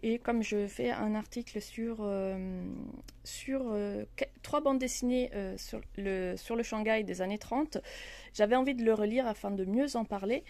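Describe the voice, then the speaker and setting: A woman's voice: mid-range voice, a little slow, darkish tone. A woman chatting casually about her books in a vlog, hesitant, with many fillers and restarts. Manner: talks with her hands. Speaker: book vlogger. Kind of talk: casual chat. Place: outdoor terrace.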